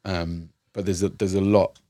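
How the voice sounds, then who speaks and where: A man's voice: deep voice, level tone, moderate pace, dark tone, dry recording. A man working with young people, speaking reflectively in an interview with many fillers and restarts. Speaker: youth and community worker, guest. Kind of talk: conversational interview.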